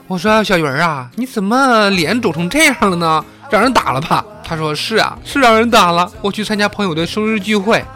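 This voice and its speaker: A man's voice: high-pitched, a little fast, hardly any pauses. A man hosting a comedy news talk show, telling jokes and laughing at his own punchlines. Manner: lively joke-telling with laughs. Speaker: podcast host. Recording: music bed behind voice.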